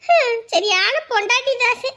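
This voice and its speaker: A woman's voice: very high voice, unhurried, sharp tone, exaggerated voice. A woman playing a scheming old grandmother who spoils her grandson, in a family drama, with a nagging, whiny manner. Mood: scornful. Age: older. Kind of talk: village family drama acting.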